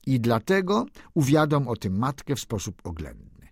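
A man's voice: mid-range voice, wildly swooping pitch, normal speed, a little mellow, slightly rough, no room sound, clean studio sound. A man reading a classic novel aloud as an audiobook, narrating a first-person diary with passion.

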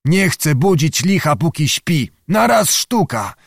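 A man's voice: fairly high pitch, very animated, slow, creaky, dry recording, clean studio sound, voice pushed up, heavily acted. A man reading an audiobook, voicing a boastful, grumbling old nobleman with theatrical bluster. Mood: indignant.

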